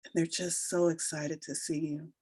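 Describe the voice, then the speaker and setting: In a low, husky voice, a woman narrates a slow guided meditation, soothing and unhurried, with long pauses between gentle instructions. Her delivery is flat, and the recording is dry with no room sound around her.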